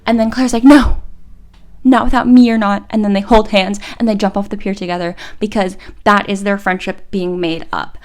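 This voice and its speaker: A young woman vlogger retelling a film from memory in a casual, filler-heavy way, acting out lines in a higher voice. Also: little pitch movement, fairly quick, hardly any pauses. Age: young adult. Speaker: YouTuber. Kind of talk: casual chatty movie recap.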